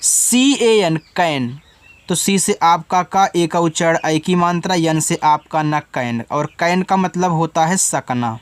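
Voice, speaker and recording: A man teaching beginners English spelling, reading out words letter by letter, slowly and patiently. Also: on the high side, smooth, dry recording. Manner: patient, coaxing teacher talk.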